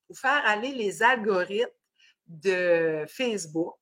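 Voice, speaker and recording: A woman's voice: mid-range voice, expressive, takes it slowly, fairly bright tone. Bubbly Acadian woman cheering on a live stream. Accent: Acadian French. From New Brunswick, Canada. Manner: upbeat, cheering, sprinkles English words. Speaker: fitness coach hosting a live stream. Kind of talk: casual live-stream chat.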